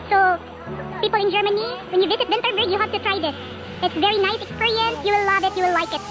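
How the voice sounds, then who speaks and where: A woman's voice: extremely high pitch, quick pace, loud music behind the voice. Giggly Filipino woman vlogging outdoors. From Philippines. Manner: giggly, switching between Tagalog and English. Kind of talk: casual vlog chat. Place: outdoors at a zipline park.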